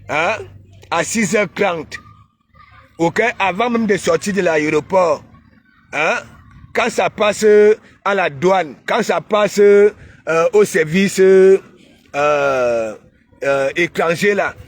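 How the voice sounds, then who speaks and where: High-voiced Cameroonian man ranting on stream. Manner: mocking, teasing, bursts of shouting. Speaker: live-stream host. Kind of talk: casual ranting live stream.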